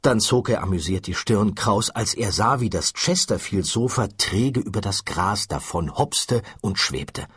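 A man narrating an audiobook in an expressive, lively storytelling manner. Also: fairly low pitch, husky, no echo, clean studio sound. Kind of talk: scripted narration.

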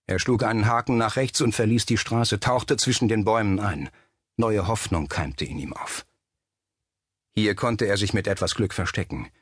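A man reading a suspense novel aloud as narrator, measured and steady. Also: lowish voice, breathy edge, dry recording, clean studio sound. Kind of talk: scripted audiobook narration.

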